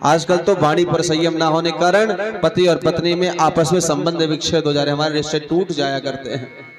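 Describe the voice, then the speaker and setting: Man, preacher, earnest, storytelling sermon, high voice, music in background. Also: little pitch movement, brisk. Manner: earnest, addresses crowd as brothers and sisters. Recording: music playing under the voice.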